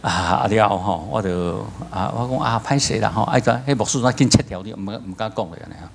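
A male pastor with a Taiwanese accent preaching a sermon, telling stories with lively acted-out voices. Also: fairly low pitch, a little fast, vocal fry, slight background noise. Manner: animated storytelling, acts out voices, laughs.

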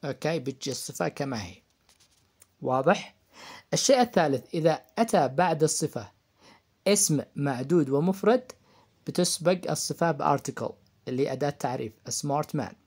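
A man teaching a high-school grammar lesson. He poses questions to the class, answers them himself and repeats key terms. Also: animated, fairly quick, darkish tone, breathy edge. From Yemen. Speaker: English teacher.

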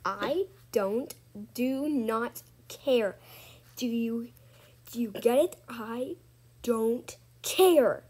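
A woman's voice: a little high, drawn-out words, a little mellow, breathy edge, heavily acted. A woman voicing a strict, mean female babysitter who barks threats and orders. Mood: angry.

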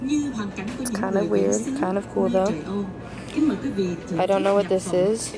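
A woman's voice: medium pitch, steady tone, slow pace, loud music behind the voice. A young woman vlogging casually in a large supermarket on a handheld camera, chatty and easily grossed out. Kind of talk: casual vlog chat.

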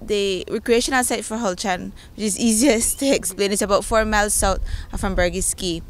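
A woman's voice: mid-range voice, steady tone, fairly quick. Woman interviewed outdoors, faint background noise. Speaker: marine reserve manager being interviewed. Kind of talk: on-camera interview, explanatory. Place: outdoors by open water. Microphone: handheld interview microphone.

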